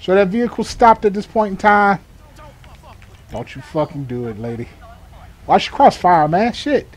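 In an animated, high-sitting voice at normal speed, a gamer playing a sheriff's deputy improvises police radio call-outs. He mixes clipped procedural jargon with casual muttered asides. Game vehicle and ambient sounds can be heard in the background.

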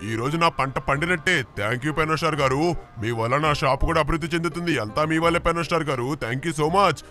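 A boastful, haggling bike-dealer uncle played by a man, his voice a little high. He gushes with thanks and brags about his experience, with faint music behind. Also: fast talker, bright, forceful tone. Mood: grateful. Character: flattering middle-aged bike dealer uncle. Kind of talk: game play-along voicing.

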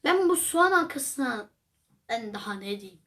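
Young woman, high voice, rambling reaction-video host, exclaims often. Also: lively intonation, normal speed, fairly bright tone. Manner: chatty, rambling, exclamatory, addresses viewers as friends. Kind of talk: casual reaction commentary.

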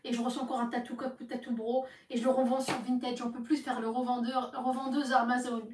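A young woman telling her followers about phone calls in a casual, animated way, acting out the other side of each call. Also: a little high, brisk, a little hiss or hum. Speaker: live streamer talking to her followers. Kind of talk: casual storytelling to viewers. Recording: echoey room, voice from some distance.

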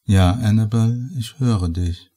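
Man doing a coldly calm killer. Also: lowish voice, takes it slowly. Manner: calm, flat and unmoved. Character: calm, cold young man turned killer.

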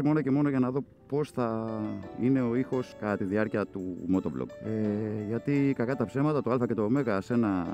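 A man's voice: on the low side, darkish tone. A man with a Greek accent chatting in a loose, rambling way while riding his motorcycle at night, talking into a small recorder mic inside his helmet. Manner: rambling, self-mocking, full of fillers. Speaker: motovlogger. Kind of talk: casual chat while riding. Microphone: external recorder mic inside a helmet.

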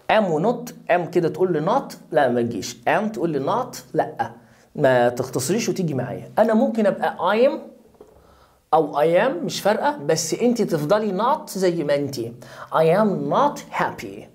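Lively Egyptian woman teaching English grammar. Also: lowish voice. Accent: Egyptian Arabic. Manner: playful, asks and answers her own questions. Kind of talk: grammar lesson for children.

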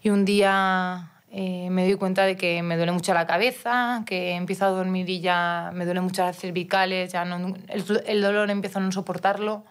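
Young woman recounting her story, low-pitched. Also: steady tone, normal speed, few pauses. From Mallorca, Spain. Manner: storytelling with many restarts and quoted dialogue. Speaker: guest, professional footballer. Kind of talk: casual interview chat.

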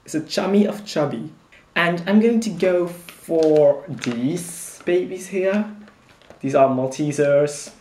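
A man's voice: on the high side, slow, a little mellow, a little hiss or hum. A young man chatting casually to camera as a vlogger in his bedroom. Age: young adult. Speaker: challenge vlogger. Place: bedroom, indoors. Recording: echoey small room.

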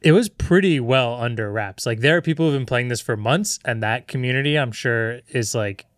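A man's voice: medium pitch, moderate pace, no room sound, clean studio sound. A man co-hosting a tech podcast in casual chat, rambling with lots of fillers. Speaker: podcast co-host.

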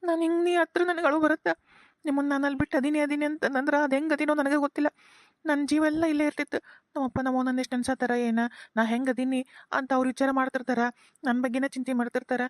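A woman voicing a young son, North Karnataka accent, earnest, pleading, high-ish voice. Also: level tone, fast, no room sound, studio quality, natural voice. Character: young married son, earnest and guilt-ridden. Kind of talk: cartoon voice acting.

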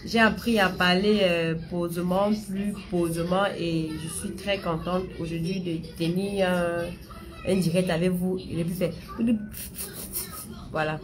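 A woman's voice: on the low side, steady tone, unhurried, crowd noise. A young woman hosting a casual live stream, talking straight to her viewers, repeating herself, with a slight stammer she says has eased. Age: young adult. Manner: chatty, addresses viewers directly, repeats phrases. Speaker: livestream host answering viewers.

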